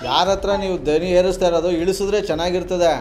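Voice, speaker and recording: Teasing and argumentative, this radio prank call host with a southern Karnataka accent mock-scolds his target during a comic phone prank. His voice sits high with little pitch movement and a quick pace, over background noise and a music bed.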